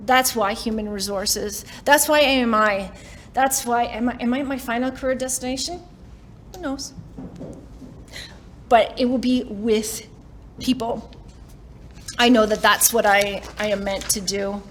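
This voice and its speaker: A woman's voice: fairly high pitch, measured pace, long pauses, slight background noise. A woman in her forties giving a motivational talk to a live audience, chatty and self-mocking, often laughing between lines. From Canada. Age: 40s. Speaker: keynote speaker. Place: summit stage in front of an audience.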